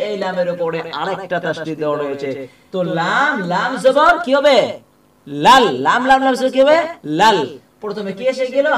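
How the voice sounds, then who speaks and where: Male recitation teacher, high-pitched, spells words out letter by letter and drills them; recorded in an echoey room a little away from the mic. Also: a bit bright, recorded from a distance. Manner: asks questions and answers them himself; chants the verses slowly. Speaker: Quran reading teacher.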